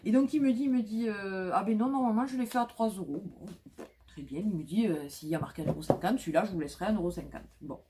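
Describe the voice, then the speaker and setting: A woman's voice: medium pitch, fast talker, warm tone, slight background noise. A woman vlogging casually about flea market finds, talking with many fillers and restarts.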